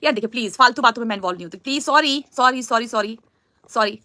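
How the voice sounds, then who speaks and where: A woman's voice: on the high side, fast talker, bright, forceful tone, no room sound. A woman hosting a casual live stream, answering viewer comments in an earnest, pleading way. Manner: earnest, pleading, repeats "please" often.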